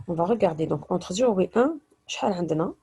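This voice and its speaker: A woman's voice: lowish voice, expressive, very fast, mellow, husky. A woman teacher explaining a statistics lesson, slipping into Arabic dialect and restarting phrases. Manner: mixes French with Arabic dialect, hesitant restarts.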